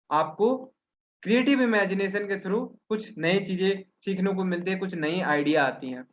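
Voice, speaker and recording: A man's voice: high-pitched, lo-fi sound. A man teaching a webinar who keeps asking rhetorical questions, answers them himself, and checks in with tag questions. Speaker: webinar trainer. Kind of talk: explanatory teaching talk. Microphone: video call.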